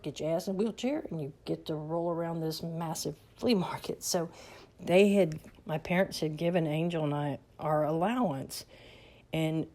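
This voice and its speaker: A woman's voice: sits low, dark tone. A middle-aged woman telling family stories in a chatty, salty way, laughing as she goes. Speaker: vlogger telling her life story. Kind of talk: casual storytelling.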